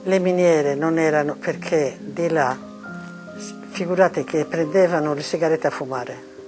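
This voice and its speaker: An older woman from Sardinia with a Sardinian Italian accent, haltingly recalling hard years in an interview. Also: low voice, music in the background. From Carbonia, Sardinia. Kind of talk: reminiscing in an interview.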